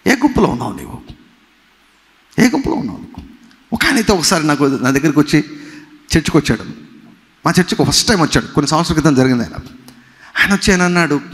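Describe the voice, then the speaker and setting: Animated preaching man in an echoey hall. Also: on the high side. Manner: emphatic preaching, swinging from soft to loud; mixes in English phrases. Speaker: pastor. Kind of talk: sermon. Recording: long hall reverb.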